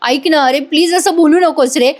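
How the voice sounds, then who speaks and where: A woman's voice: sits high, normal speed, a little mellow, voice pushed up, close to an everyday voice. Woman doing a lying young wife begging. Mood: pleading.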